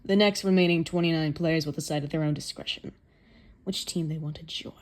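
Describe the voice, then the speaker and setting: A woman's voice: sits low, steady tone, fairly quick, voice pushed down, lightly acted. A woman voicing a stern, scheming male football coach who speaks in a cold, blunt, commanding way during a manga reading.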